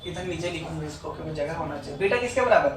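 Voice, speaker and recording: A male physics teacher giving a classroom lecture, coaxing his students to confirm each step and dictating notes slowly. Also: fairly high pitch, lively intonation, background noise. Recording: echoey classroom from far off.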